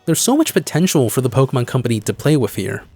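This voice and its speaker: A man's voice: medium pitch, very animated, fast, dark tone, dry recording. A man presenting scripted video-essay commentary in an explanatory way, leaning on key phrases for emphasis. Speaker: video creator and host. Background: background music.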